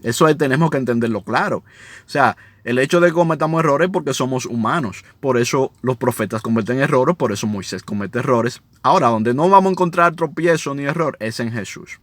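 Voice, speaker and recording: A man leads a Bible lesson at a medium pitch, reading verses aloud and then explaining them in plain, conversational speech. He keeps turning to his listeners with small prompts. The recording is dry, with no room sound. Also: fairly quick, dry recording. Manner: conversational, checks in with listeners often. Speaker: Bible teacher. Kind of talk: Bible study teaching, reading scripture with commentary.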